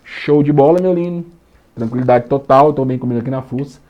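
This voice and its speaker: A man's voice: medium pitch, a little fast, lo-fi sound. Brief: male law professor, casual slangy lecture, playful, keeps asking if you got it. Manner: slangy, jokey, keeps checking understanding. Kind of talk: online exam-prep lecture.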